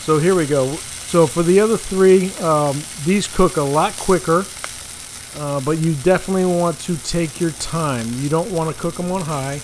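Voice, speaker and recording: A man's voice: fairly high pitch, moderate pace, slight background noise. A middle-aged man hosting a casual home cooking show, chatty and enthusiastic, laughing often. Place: home kitchen indoors.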